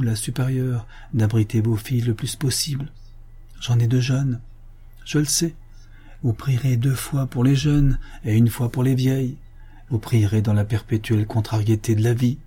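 A man's voice: mid-range voice, mellow, husky, natural voice. A man reading the part of an aging priest, tired and compassionate, speaking with earnest sorrow. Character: weary compassionate aging male priest, grave and fervent.

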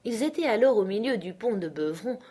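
Female narrator for a classic novel, lively, lifts her voice for the dialogue. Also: brisk, husky. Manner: lively, voices dialogue with raised pitch and volume. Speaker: audiobook reader. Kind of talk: scripted narration.

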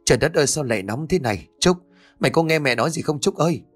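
A man's voice: mid-range voice, animated, fairly quick, faint music behind, lightly acted. A man voicing an anxious middle-aged mother who pleads with breathless urgency in an audio horror story. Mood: frantic.

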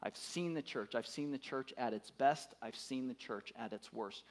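A man's voice: mid-range voice, normal speed. A man in his fifties preaching a sermon, emphatic, repeating his words and putting questions to the congregation. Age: 50s. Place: church.

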